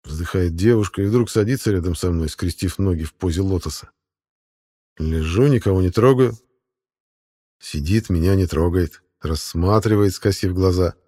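In a low, mellow, dark voice, a man narrates a first-person audiobook. He sounds dry and sardonic, dropping deadpan asides, while his tone stays even and unhurried.

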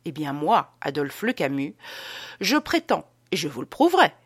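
A woman narrator voices a pompous gentleman lecturing his friends on souls, stressing each point and pausing for rhetorical questions. Her fairly low, breathy voice swings widely in pitch in a heavily acted read. The recording is dry and close, with no room sound.

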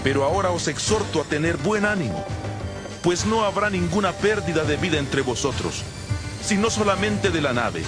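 Actor as earnest apostle Paul, higher-pitched man over music. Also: expressive, normal speed, natural voice. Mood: exhorting, confident. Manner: solemn, declamatory. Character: apostle Paul, earnest prisoner exhorting with firm faith. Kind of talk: dramatized audio Bible acting.

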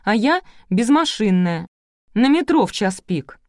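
A woman voicing a whiny, know-it-all young woman in an audiobook, pert and raised in pitch. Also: animated, brisk, darkish tone, dry recording, studio quality, close to an everyday voice.

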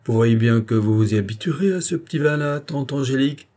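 A man's voice: medium pitch, a little fast, mellow, voice pushed up, natural voice. A man voicing a jovial country priest with a teasing, bantering manner. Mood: mocking.

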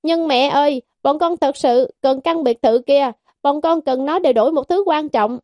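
A woman's voice: high-pitched, normal speed, darkish tone, no room sound, clean studio sound, close to an everyday voice. A woman voicing a cheerful young man who speaks tearfully and pleadingly to his mother.

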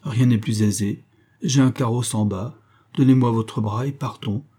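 A man's voice: mid-range voice, moderate pace, warm tone, husky, close to an everyday voice. A man reading the part of a bold young cavalier lover, gallant and theatrical, in an audiobook.

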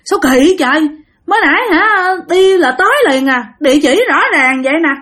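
A woman's voice: medium pitch, very animated, a little fast, slightly rough. A woman voicing a puzzled male motorbike taxi driver who keeps exclaiming, with a Southern Vietnamese accent. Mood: baffled.

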